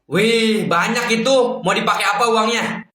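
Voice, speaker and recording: A woman's voice: a little high, unhurried, slight background noise. Woman doing a teasing schoolteacher in a skit. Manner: questioning, mock-sympathetic. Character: teasing adult male schoolteacher. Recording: echoey room with loud music.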